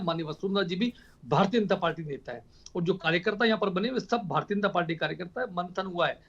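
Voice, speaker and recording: Man, party spokesperson, heated debate, high voice, dull lo-fi sound. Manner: forceful, repetitive rhetorical speech.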